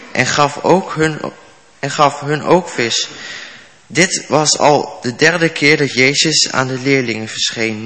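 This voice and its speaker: A man reads a Bible passage aloud, slow and measured, with a few slips. His voice has a bright, clear tone at a middle pitch. A long reverb rings after his words, as in a large hall. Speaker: scripture reader. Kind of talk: Bible reading.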